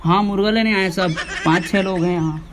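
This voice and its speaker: A man's voice: high-pitched, fairly even intonation, fairly quick, music in the background. A young man doing a comic phone prank in public, boasting and laughing as he talks into the phone. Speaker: prankster making fake phone calls.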